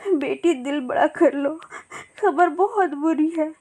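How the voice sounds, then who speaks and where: Kind, grieving aunt parrot, voiced by a woman narrator, soft and consoling, storybook. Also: high-pitched, takes it slowly. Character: kindly motherly female parrot, grieving.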